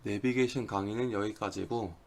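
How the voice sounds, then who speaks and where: A man's voice: lowish voice, fairly even intonation, brisk, gravelly. Man lecturing in non-native Korean. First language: not Korean. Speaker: diving instructor giving a lecture. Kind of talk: instructional slide presentation.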